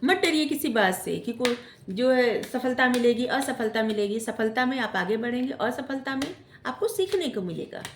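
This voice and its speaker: A woman tarot reader giving gentle spiritual advice, often checking in with "theek hai?" as she talks. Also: on the high side, animated, normal speed, echoey room, slight background noise. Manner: gentle coaching tone, ends phrases with "theek hai?". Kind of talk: casual spiritual advice talk.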